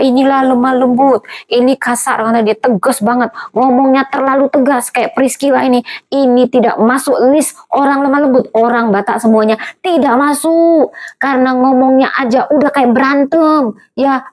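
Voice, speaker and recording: A middle-aged woman pastor from North Sumatra delivers a sermon with a firm, emphatic manner. Her voice sits a little high, and she keeps addressing the listeners directly as she preaches. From North Sumatra, Indonesia.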